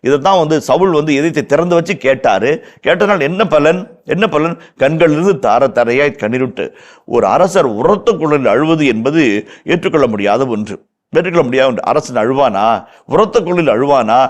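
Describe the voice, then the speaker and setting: A man's voice: a little high, lively intonation, moderate pace. Tamil-accented male priest, verse-by-verse Bible teaching, fervent and repetitive for emphasis. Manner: impassioned, repeats phrases for emphasis, acts out quoted lines. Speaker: priest explaining scripture.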